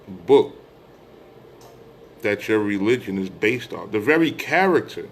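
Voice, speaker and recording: A lowish male voice belongs to a middle-aged American giving an informal religious monologue to online followers. He presses his points emphatically, repeating phrases and posing rhetorical questions, while slight background noise lingers.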